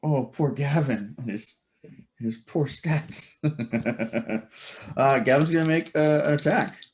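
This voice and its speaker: A man narrating as game master of a tabletop game, animated and full of fillers and laughs. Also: mid-range voice, slow pace, slight background noise.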